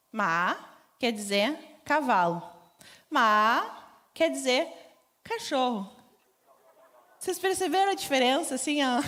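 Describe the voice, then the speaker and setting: A woman giving a conversational church mission talk, informal and laughing often. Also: high voice. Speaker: missionary speaker. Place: church stage.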